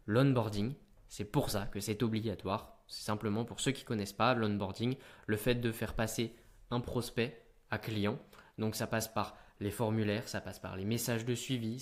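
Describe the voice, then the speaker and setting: A teenage man giving business advice straight to camera in an energetic, punchy way. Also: on the low side. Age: teens.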